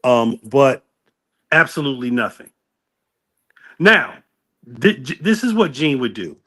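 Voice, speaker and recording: Chatting casually on a podcast, a man tells loose, rambling stories about the music industry and keeps correcting himself along the way. His medium-pitched voice is a bit bright, unhurried, and full of big pitch swings.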